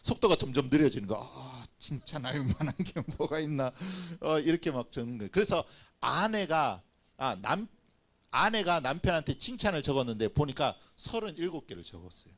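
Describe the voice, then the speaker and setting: A middle-aged man gives a children's and family sermon as pastor. He talks in a fairly high voice that swoops lively up and down. He acts out little scenes as he tells stories. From Korean coast. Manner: animated storytelling, acting out little scenes.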